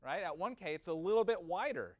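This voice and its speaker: An animated audio engineering teacher talks a little fast through a calculation in a casual lesson, thinking aloud and asking short check-in questions. His voice sits high and is a little mellow, with no echo but a lo-fi sound.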